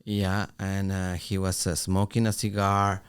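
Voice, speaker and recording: A middle-aged man co-hosting a podcast, telling an animated story in casual talk with halting restarts. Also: deep voice, smooth. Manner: animated, acts out quoted voices, halting restarts. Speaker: podcast co-host.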